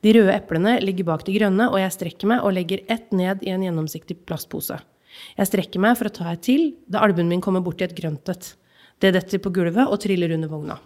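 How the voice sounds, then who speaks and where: A woman's voice: lowish voice, darkish tone. A woman hosting a live literature podcast before an audience at a library, talking with many filler sounds and then reading a book excerpt aloud. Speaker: podcast host.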